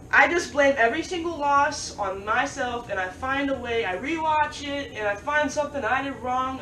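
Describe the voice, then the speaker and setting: Woman vlogger, casual advice, quick stuttering delivery, jokey, fairly high voice, roomy echo from off-mic. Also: a bit bright, recorded from a distance. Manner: talks fast and stutters, with restarts; jokey, often laughing at her own lines. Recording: roomy, off-mic, faint background noise.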